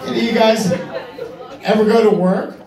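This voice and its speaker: A man's voice: sits high, steady tone, moderate pace, gravelly. A man performing an amateur stand-up comedy set in a conversational, profane, exasperated way. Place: live comedy venue with audience. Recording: echoey room, distant mic, audience laughter. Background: crowd laughter.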